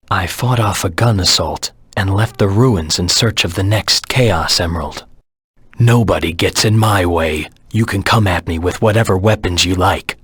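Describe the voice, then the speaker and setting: A man voicing a brooding, grimly determined hedgehog antihero in a video game, terse and grave, with a gravelly, husky voice. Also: low-pitched, fairly bright tone, dry recording, clean studio sound, full character voice. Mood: defiant. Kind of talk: dramatic video game voice acting, scripted monologue.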